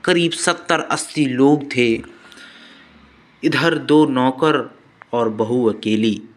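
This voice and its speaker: A man narrating a family moral tale in a slow, plain storytelling manner. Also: mid-range voice.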